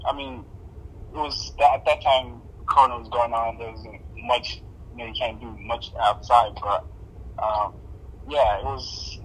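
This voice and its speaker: A man's voice: medium pitch, steady tone, measured pace, fairly bright tone, breathy edge, low-quality recording. A young man from Somalia answering interview questions in a casual, hesitant way, with many fillers and restarts. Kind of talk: casual oral history interview.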